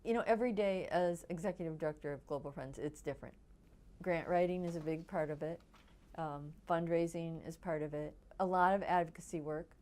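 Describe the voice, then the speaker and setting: Low, mellow-voiced woman. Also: fairly quick, slight background noise. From Wisconsin, US. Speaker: nonprofit executive director. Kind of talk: documentary interview.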